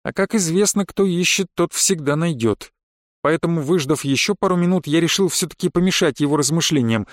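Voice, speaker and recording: A man's voice: on the high side, a little fast, no echo. A man narrating a story in the first person, in a dry, mocking manner. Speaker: audiobook narrator.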